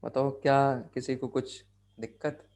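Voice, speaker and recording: A man's voice: medium pitch, little pitch movement, measured pace, darkish tone. A man with an Indian accent leads a geography class over a video call. He talks in a patient, repetitive way, restating each term and stopping to ask whether everyone has understood. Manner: explains step by step, repeats key phrases, checks understanding. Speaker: geography tutor. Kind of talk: online class lecture.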